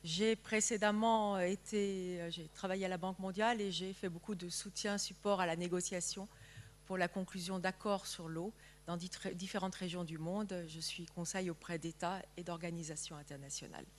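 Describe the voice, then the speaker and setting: A woman professor introduces herself in French to a panel in a composed manner with some fillers. Her voice sits on the low side, with a faint hum under the recording. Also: steady tone, a little fast. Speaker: law professor. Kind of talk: formal self-introduction at a ministerial meeting.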